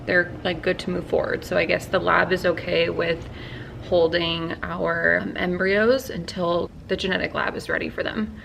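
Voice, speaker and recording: A woman's voice: lowish voice, level tone, normal speed, creaky, background noise. A young woman talking candidly to her phone camera in a personal video diary, rambling and reflective. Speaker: vlogger.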